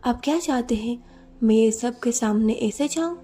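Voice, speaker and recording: A woman's voice: fairly high pitch, moderate pace, mellow, slightly rough, faint music behind. A woman voicing a shy, sulky young wife in a narrated storybook romance, pouting and playful.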